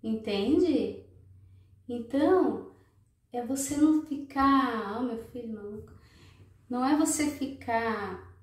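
A woman's voice: on the high side, a little mellow, far from the mic. A Brazilian woman vlogger giving relationship advice to her viewers in an emphatic, scolding way. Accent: Brazilian Portuguese. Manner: emphatic, scolding, keeps addressing listeners as girls. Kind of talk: casual advice monologue to viewers. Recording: very echoey room, away from mic.

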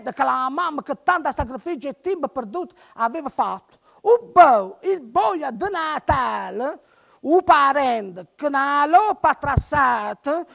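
Woman storyteller, Bari dialect, high bright register, theatrical recital. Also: gravelly. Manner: dramatic storytelling with sudden loud outbursts.

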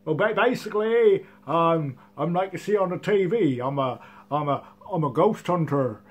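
A man's voice: fairly high pitch, lively intonation, moderate pace, husky. A man playing an earnest ghost hunter in a parody news interview, rambling, hesitant and repeating himself. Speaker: paranormal investigator guest. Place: TV studio couch.

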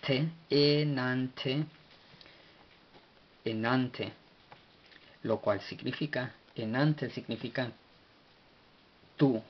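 A man's voice: medium pitch, slow pace, pauses often, dull audio, slight background noise. A man teaching an informal study lesson, spelling out words letter by letter, stopping to correct himself and chuckling now and then. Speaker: teacher of a religious study group.

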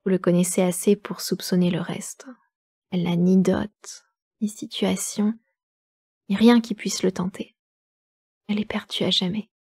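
A woman voicing an agitated young gentlewoman in distress, speaking with urgent, breathless pleading. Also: mid-range voice, flat delivery, a little slow, long pauses, breathy edge, no room sound, clean studio sound. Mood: distraught.

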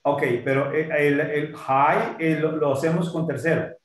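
A man's voice: on the high side, fairly even intonation, unhurried, reverberant. A man taking an online Mandarin lesson as a student, speaking hesitantly and trying the words again and again.

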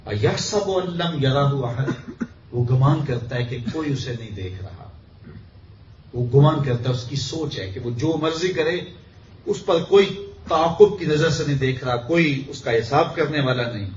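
A man gives a sermon explaining scripture, reciting verses slowly and rising to impassioned emphasis. His voice sits in the middle range and sounds distant and muffled. The recording has a roomy hall echo. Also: mid-range voice, darkish tone, slight background noise. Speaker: preacher. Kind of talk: sermon, Quran commentary.

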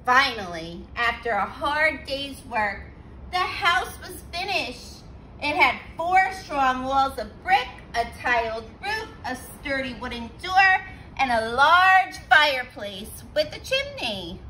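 Female teacher, storybook read-aloud for kids, bright and unhurried. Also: high-pitched, slight background noise, rough recording. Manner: expressive, explains words for kids. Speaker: teacher reading to children.

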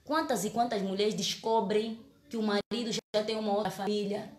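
A woman's voice: medium pitch, fairly even intonation, normal speed, reverberant. A woman, an actress telling a story in a casual live-stream chat, earnest and emotional, often restarting her words. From Angola.

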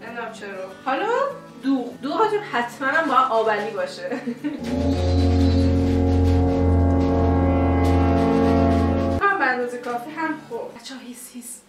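Woman vlogger, high bright-pitched voice, playful and giggly, roomy kitchen heard from a distance over music. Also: big pitch swings. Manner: playful, giggly, talks to camera audience. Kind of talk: casual vlog chat to viewers.

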